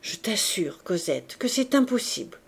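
A woman reading aloud, voicing a young husband who speaks low, quiet and grave. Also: slow.

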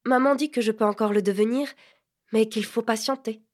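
A woman reading an audiobook, voicing a fifteen-year-old girl who answers with bright, mocking retorts. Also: on the high side, fairly even intonation, fairly quick, natural voice. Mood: teasing, wistful.

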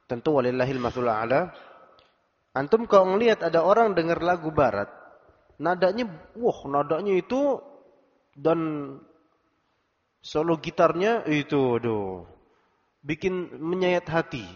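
A man's voice: a little high, lively intonation, measured pace, long pauses. A man giving a religious study lecture, explaining verses phrase by phrase casual colloquial asides. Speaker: Islamic teacher. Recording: dull recording in a reverberant hall.

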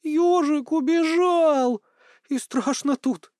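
A man voicing a fearful young woman who whines and pleads in a high voice. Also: sing-song, fairly quick, a little mellow, no room sound, studio quality. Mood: tearful.

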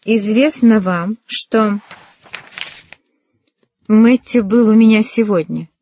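A woman's voice: medium pitch, takes it slowly, mellow, pitched above the performer's own voice. A woman voicing a proud young woman who turns hysterical and tearful, in an audiobook reading. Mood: prim. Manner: stiff and prim, then hysterical and tearful.

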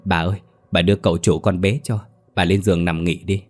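A man's voice: low-pitched, fairly even intonation, a little fast, darkish tone, faint music behind. A man voicing an anxious young servant girl who pleads and stammers, in a narrated ghost story. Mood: pleading.

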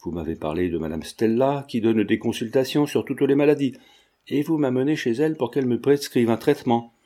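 A man reading the part of a sly old man who pretends to be deaf and talks in a lowered, scheming way. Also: a little fast, warm tone, natural voice. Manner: lowered, conspiratorial speech.

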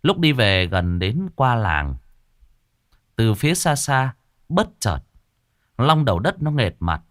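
A male storyteller narrates a ghost story with a lively, rising and falling delivery. He is recorded close on the mic with a dry, bare sound. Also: mid-range voice, takes it slowly, no room sound. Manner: animated storytelling, playing several characters.

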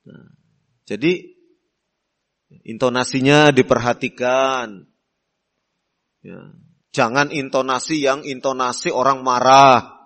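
Slow-speaking male preacher. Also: medium pitch, steady tone. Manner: slow, deliberate teaching with frequent "ya" fillers; acts out polite hosts in soft voice. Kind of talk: sermon. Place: Islamic boarding school hall.

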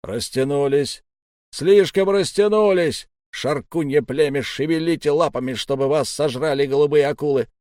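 A furious old commander bellows at his men in a high, loud, drawn-out roar, as a male audiobook reader performs him. Every shout is raw with rage. The sound is dry and close. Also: no echo, natural voice. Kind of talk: audiobook character voice.

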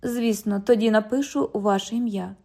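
A woman's voice: mid-range voice, fairly even intonation, moderate pace, warm tone, natural voice. A woman reading an audiobook, voicing a formal, patient young male police officer.

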